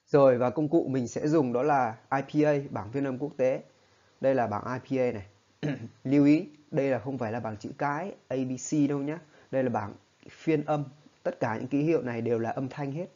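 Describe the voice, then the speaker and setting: A man's voice: mid-range voice, brisk, dark tone, dull audio. A man teaching a spoken lesson, explaining patiently and often checking in with his listeners. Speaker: English teacher.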